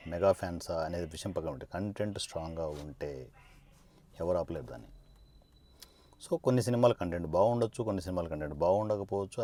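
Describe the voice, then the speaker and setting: In a low, dark-toned male voice, a politician addresses the camera directly in a confrontational monologue. He is sarcastic and combative, launching one rhetorical question after another.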